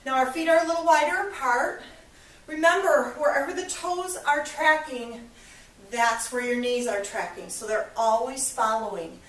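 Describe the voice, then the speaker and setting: A woman's voice: high voice, normal speed, a bit bright. A woman fitness instructor leading a workout, upbeat and encouraging as she counts reps, a little out of breath. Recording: echoey room, voice from a distance.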